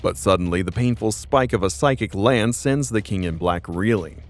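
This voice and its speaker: A man's voice: lowish voice, moderate pace. A man giving a theatrical, emphatic scripted narration of a comic-book story as its narrator. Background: music.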